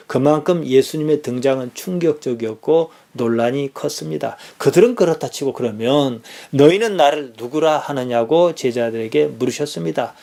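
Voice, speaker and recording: A middle-aged man preaches as a pastor, his voice sitting a little higher than most men's. He reads scripture passages aloud and unpacks them, pressing his listeners with pointed rhetorical questions. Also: darkish tone. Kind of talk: sermon.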